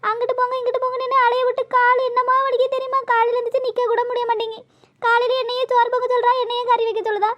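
A woman's voice: very high voice, little pitch movement, rapid-fire, lo-fi sound, a little hiss or hum, pitched above the performer's own voice. A woman voicing a cranky, easily offended old grandmother, scolding and huffy. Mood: complaining. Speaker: mother-in-law. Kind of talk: cartoon comedy voice acting.

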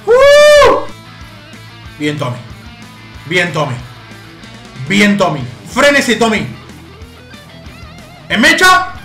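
A young man with an Argentine accent giving excitable gameplay commentary as a video game coach, cheering his players on with bursts of shouting. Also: high voice, takes it slowly, pauses often. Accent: Argentine Spanish. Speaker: gaming YouTuber. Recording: roomy home setup with faint background music.

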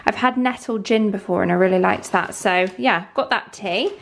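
A woman with a creaky, medium-pitched voice speaks at a moderate pace, casually showing off her shopping haul to a camera held at arm's length. She's an upbeat, chatty lifestyle vlogger who rambles, starting in a parked car and ending in a bedroom at home, and the audio is poor.

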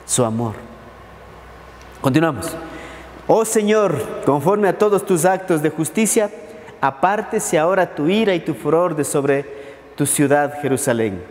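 A pastor with an Ecuadorian Spanish accent preaching a sermon, reading scripture and asking rhetorical questions. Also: male voice, fairly high pitch, animated, a little slow, long pauses, darkish tone, big-room sound. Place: church.

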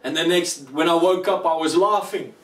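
A man preaching a personal testimony sermon, slow and emotional with dramatic pauses. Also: a little high, a bit bright, echoey room, recorded from a distance.

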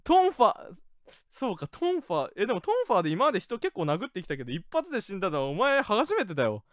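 A man streaming a game, commenting excitedly, jumping from low mutters to rough joking shouts at the characters. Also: fast talker, no room sound. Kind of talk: gaming live-stream commentary.

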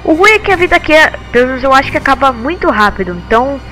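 Bright-voiced Brazilian gamer, casual commentary. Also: sits high, animated, very fast, soft background music, rough recording. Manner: informal, slangy, thinking aloud. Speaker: gameplay video host.

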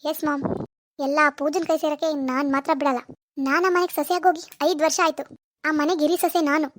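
A woman's voice: sits high, steady tone, fast, lightly acted. A woman voicing a spiteful, jealous young wife in a cartoon, whiny and scheming. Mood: complaining. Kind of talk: cartoon voice acting.

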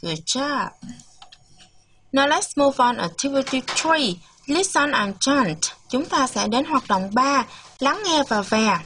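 A woman from Vietnam teaching English to young children, modelling words slowly and emphatically for them to repeat and coaxing them with gentle questions. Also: sits high, expressive, slight background noise. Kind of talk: bilingual classroom lesson with listen-and-repeat drills.

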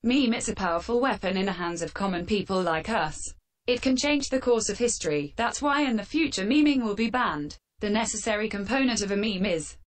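A woman hosting a fan Q&A with sarcastic, deadpan answers, her voice run through a metallic filter. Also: mid-range voice, fairly quick. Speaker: channel host answering fan questions. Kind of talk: scripted comedic Q&A.

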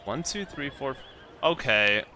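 A man's voice: medium pitch, lively intonation, measured pace, pushed and bright, slight background noise. A man casually commenting on his own gameplay as the host of a let's play, chatty and self-mocking, talking to the characters on screen.

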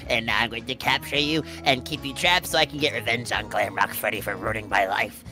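Woman playing a low, menacing animatronic rabbit villain. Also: steady tone, fairly quick, over music. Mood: gloating menace. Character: scheming animatronic rabbit villain, vengeful and bumbling. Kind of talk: improvised game roleplay.

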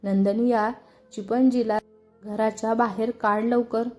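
A woman's voice: a little high, little pitch movement, measured pace, darkish tone, soft background music, close to an everyday voice. A woman voicing a hot-tempered young woman who hurls angry insults in a storybook reading.

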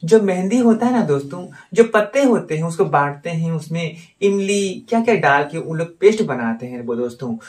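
Lively, repetitive male language teacher. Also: fairly high pitch, moderate pace, few pauses, distant mic. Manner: repeats phrases and quizzes the listener; addresses viewers as friends. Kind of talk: spoken language lesson.

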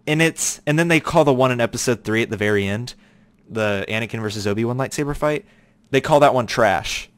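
A young man hosting a casual podcast chat, rambling and laughing often, getting animated when he rants. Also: mid-range voice, brisk. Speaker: podcast host.

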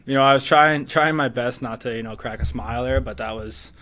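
A man's voice: mid-range voice, a little fast, pushed and bright. A man in his twenties, a hockey player answering postgame press questions earnestly, with lots of "you know" fillers, at a table mic in an arena press room. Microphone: table mic in front.

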